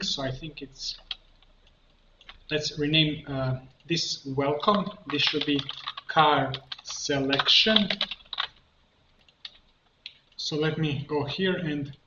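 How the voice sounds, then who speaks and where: A coach walks through a software tutorial step by step, his voice fairly high and bright. He speaks slowly and haltingly, narrating each click as if thinking aloud. The audio is muffled and lo-fi, with roomy echo and background noise.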